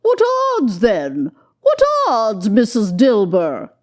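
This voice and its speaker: A woman's voice: medium pitch, huge pitch swings, slow pace, darkish tone, exaggerated voice. A woman voicing a brash, defiant charwoman in a storybook, with a bold, flaunting, exclaiming manner.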